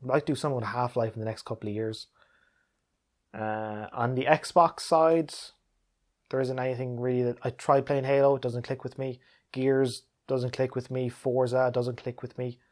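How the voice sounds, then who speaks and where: This man's voice is medium-pitched, steady and darkish, moving at a moderate pace. A YouTube gaming host, he answers questions about games in an easygoing, conversational way and chuckles a lot.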